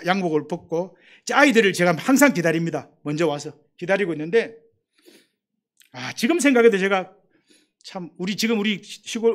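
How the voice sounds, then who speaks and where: A man's voice: high-pitched, fairly bright tone. A middle-aged man, a missionary, preaching a sermon, telling stories and then urging his listeners with rising emphasis. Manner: storytelling, rising to emphatic exhortation.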